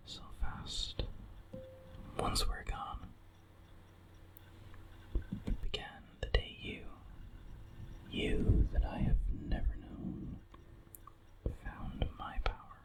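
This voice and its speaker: ASMR story narrator: fully whispered, right in the ear, very slow and measured. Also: rough recording. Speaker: narrator reading a horror story. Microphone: very close ear-to-ear ASMR microphone.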